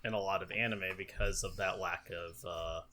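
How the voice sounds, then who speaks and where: Lowish-voiced man, halting and informal. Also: steady tone, bright, forceful tone, slight background noise. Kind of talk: casual discussion.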